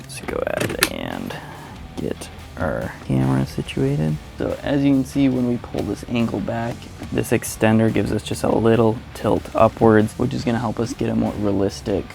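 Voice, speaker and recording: This motovlogger has a mid-range, animated voice with some vocal fry and talks at a moderate pace over music. He guides viewers through a tutorial in a casual, plain-spoken, step-by-step way.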